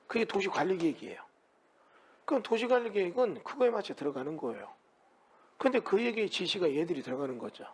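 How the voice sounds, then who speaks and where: A man's voice: high-pitched, husky. A man teaching a real estate law class, asking his students many rhetorical questions. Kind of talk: lecture to students.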